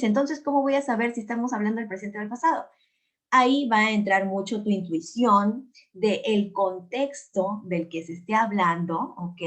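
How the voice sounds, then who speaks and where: Slow, patient Peruvian teacher woman. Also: medium pitch. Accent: Peruvian Spanish. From Peru. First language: Spanish. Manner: slow, patient, repeats words for drilling. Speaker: English teacher. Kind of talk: recorded video lesson.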